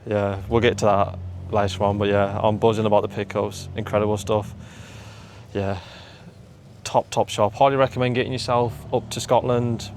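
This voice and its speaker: On his travel vlog, a game-collecting vlogger, a young man, chats casually while exhausted from driving, tired and self-deprecating. His fairly low voice is flat and a little mellow at normal speed. Slight background noise can be heard.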